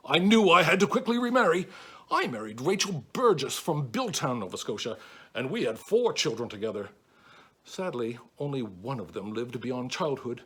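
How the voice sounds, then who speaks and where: A man's voice: on the high side, a bit bright, slightly rough, full character voice. A man playing the proud, wry ghost of a 19th-century politician in a first-person historical monologue.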